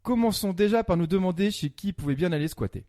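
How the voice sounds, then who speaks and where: A man's voice: high voice, lively intonation, fast talker, mellow, no room sound, studio quality. A man presenting a scripted comic music column as a mock-detective story, with punchy asides.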